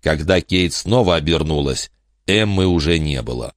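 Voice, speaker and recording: A man narrating a storybook in an expressive reading style, voicing many characters. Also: very deep voice, normal speed, no echo, studio quality. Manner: expressive reader doing many voices. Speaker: audiobook narrator.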